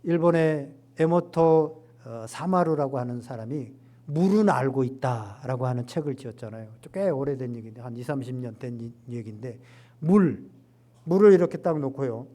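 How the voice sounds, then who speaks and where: A middle-aged man preaching a Sunday sermon as pastor, animated and acting out quoted lines with rising emphasis. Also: mid-range voice, moderate pace.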